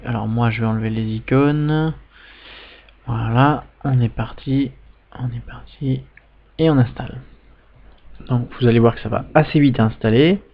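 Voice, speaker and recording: Patient man explaining software steps. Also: medium pitch, dull audio. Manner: patient step-by-step explaining, frequent "d'accord?" checks. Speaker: web tutorial instructor. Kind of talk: screen-recorded software tutorial.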